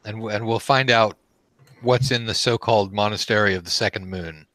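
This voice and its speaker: A man narrating a tabletop game as game master, haltingly, searching for his words as he improvises. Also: fairly low pitch, steady tone, fairly bright tone, dry recording. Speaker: game master, host of the live play.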